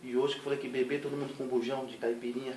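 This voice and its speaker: A man's voice: medium pitch, racing. Slangy young São man, echoey. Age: young adult. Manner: slangy, animated storytelling with voiced impressions. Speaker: testimony giver. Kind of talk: casual spoken testimony. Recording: echoey room, distant mic, noisy.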